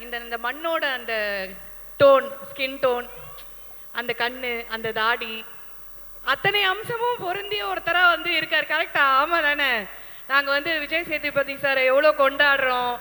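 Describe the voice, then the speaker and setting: A woman's voice: high voice, moderate pace, sharp tone. A woman emceeing a launch event on stage, playful and teasing, slipping English phrases into her talk. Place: university event hall stage. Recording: reverberant hall, faint music behind.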